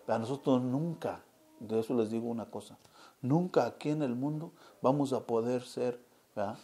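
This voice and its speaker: A man's voice: mid-range voice, normal speed, warm tone. A man preaching informally to a small group, constantly checking in with "right?" and "you see?". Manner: conversational, keeps asking "¿verdad?" and "¿ven?". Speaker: lay preacher.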